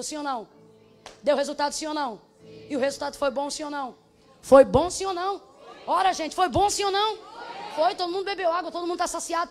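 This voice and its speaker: A woman preaching a sermon with fervor, building to shouts and acting out bits of dialogue. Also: high voice. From Brazil. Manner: acts out dialogue in different voices.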